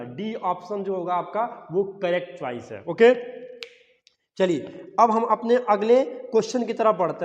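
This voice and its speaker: Male exam-prep tutor, high voice, drills words by repetition; dull lo-fi audio with reverb. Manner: repeats key words as questions to the class. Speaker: English teacher for exam prep. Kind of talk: explanatory classroom-style lesson.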